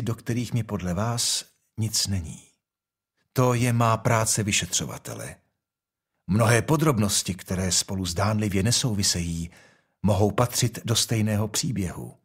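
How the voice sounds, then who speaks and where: A man voicing a calm, stubborn young investigator in an audiobook, asking questions in a measured, persistent way. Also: on the low side, husky.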